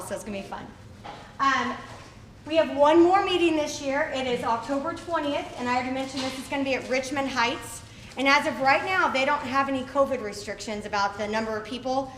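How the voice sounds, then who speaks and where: A woman's voice: high-pitched, a bit bright. A woman hosting a club meeting, giving casual announcements in a chatty, upbeat way with fillers. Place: running store meeting room. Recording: echoey room, faint noise.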